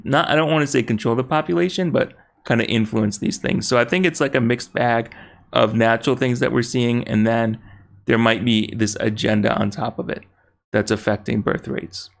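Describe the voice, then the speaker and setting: A man with a gravelly, creaky voice chatting on a podcast. He feels his way through ideas with hedges and restarts, and he laughs easily. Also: medium pitch. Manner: hesitant, many fillers and restarts, laughs easily. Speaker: podcast co-host. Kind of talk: casual political podcast chat.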